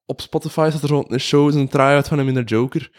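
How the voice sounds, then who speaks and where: Flemish man, hesitant casual talker, mid-range pitch. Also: fairly even intonation, a little fast. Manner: hesitant, many restarts, laughs easily. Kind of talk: casual chat.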